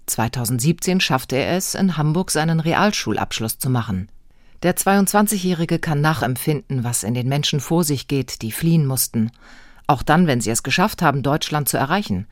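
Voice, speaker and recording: A woman reporter narrating a scripted radio feature in an even, clear voice. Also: deep voice, normal speed, dry recording, studio quality.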